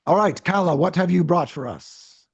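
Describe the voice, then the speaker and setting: A man running a tabletop game as game master, narrating in a casual, animated way. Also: sits high, normal speed, creaky, husky, no echo, muffled recording.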